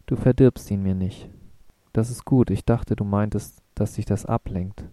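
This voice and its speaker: A man's voice: lowish voice, steady tone, moderate pace, warm tone, no echo, lightly acted. A man voicing a blunt, frank young woman on a hike, read in an audiobook in a plain, direct way. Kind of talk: audiobook reading.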